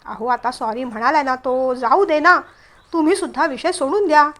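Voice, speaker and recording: A gentle middle-aged aunt who keeps the peace at home, read by a woman narrator in a family story. Her voice is high and soothing. She coaxes everyone along. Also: moderate pace.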